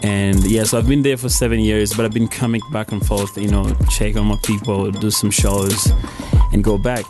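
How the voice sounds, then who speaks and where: A man's voice: on the low side, little pitch movement, normal speed, hardly any pauses, music in the background. A young man from Uganda, a musician being interviewed on radio, talking hesitantly with many fillers and restarts. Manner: hesitant, full of "you know" and restarts. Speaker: musician guest. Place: radio studio.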